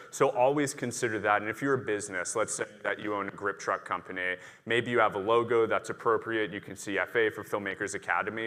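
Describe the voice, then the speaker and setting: A man's voice: on the low side, bright, forceful tone. A young man giving an earnest, encouraging talk at an expo, with a playful touch. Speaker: presenter. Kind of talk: conference talk. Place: large expo hall. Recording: long hall reverb.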